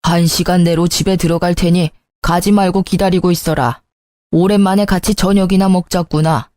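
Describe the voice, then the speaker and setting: A stern, gruff older father-in-law rebukes his wife in short, firm lines, as a woman narrator puts him on. The voice stays mellow. The sound is dry and close. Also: lowish voice, fairly even intonation, normal speed, no echo, lightly acted. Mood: curt. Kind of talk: storytelling voice acting.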